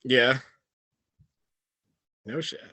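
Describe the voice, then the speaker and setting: A man's voice: mid-range voice, very slow, sharp tone. A man co-hosting a podcast in casual chat, mostly reacting to stories with short replies and questions. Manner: listener giving short reactions and laughing. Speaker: podcast co-host.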